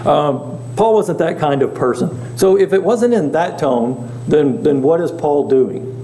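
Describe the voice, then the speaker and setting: A male pastor leads a conversational Bible lesson in a church meeting room, chatting with the class and frequently asking them questions. His voice is fairly high, animated, warm, and a little slow. The room is echoey, with a faint hum in the background.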